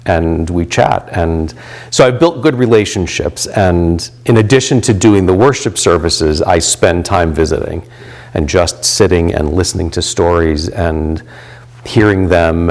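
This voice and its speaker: A man's voice: low voice, a little slow, darkish tone. A man in his fifties, a volunteer pastor, talking reflectively in an interview with many fillers and restarts. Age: 50s.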